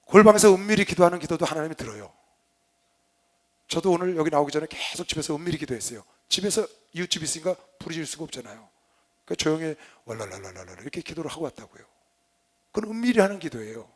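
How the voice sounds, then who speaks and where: Male pastor preaching, fervent, quick delivery, high voice, loud then quiet. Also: animated. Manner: fervent, swings between loud exhortation and quiet asides; tells personal stories with laughter. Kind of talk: Bible lecture sermon.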